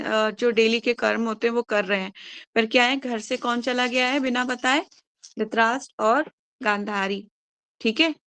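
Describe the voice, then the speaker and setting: A woman teaching a scripture class. She reads verses slowly and haltingly, then explains them to her listeners in a brisk, plain way. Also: on the high side, a bit bright, dry recording.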